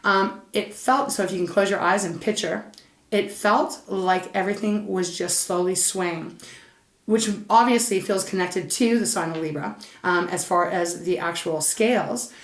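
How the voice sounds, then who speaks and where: Addressing the listener as "Saggy," a female tarot reader chats in a relaxed, soothing manner. Her medium-pitched voice, slightly scratchy and congested, moves at normal speed. The room is echoey.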